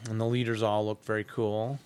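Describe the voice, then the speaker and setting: A man's voice: on the low side, level tone, brisk, darkish tone, clear, resonant tone. A man chatting casually as host of a hobby podcast with a partner. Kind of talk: casual co-hosted chat.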